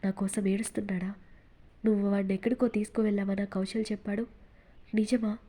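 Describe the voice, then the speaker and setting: Emotional young mother in a storybook romance, read by a woman narrator, soft and warm. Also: medium pitch, little pitch movement, a little fast, close to an everyday voice. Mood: anxious. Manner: pleading and tender. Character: emotional, anxious young mother, devoted to her son.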